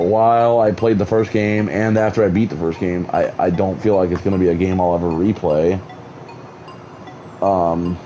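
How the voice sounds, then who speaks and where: Low and warm, a man's voice comes through a low-quality recording as he streams a game. His commentary is casual and meandering with many restarts and casual swearing, and his voice seems to be failing, his mouth numb.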